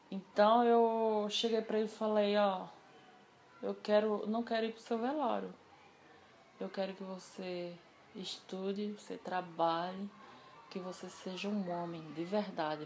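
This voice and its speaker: A woman's voice: medium pitch, slight background noise. Chatty woman recounting a personal story. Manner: animated, acts out quoted dialogue. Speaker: interviewee. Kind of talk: casual storytelling interview.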